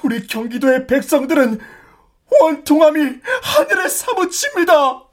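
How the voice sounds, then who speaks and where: A woman's voice: high-pitched, normal speed, music in the background, close to an everyday voice. A woman playing a desperate peasant petitioner in a historical Korean radio drama, pleading deferentially and emphatically with bitter anguish. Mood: anguished protest.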